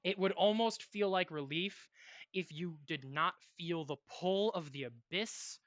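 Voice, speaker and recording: A game master narrating a tabletop game in a dramatic, drawn-out way. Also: medium pitch, a bit bright, dry recording, dull audio.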